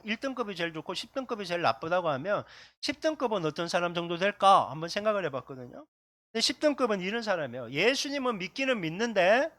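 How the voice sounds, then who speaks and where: A middle-aged male pastor from South Korea preaches in a high, animated voice that rises and falls a lot. He talks through his sermon conversationally, pointing to slides. The sound is close and dry. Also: no echo. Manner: conversational preaching with slide references and acted quotes.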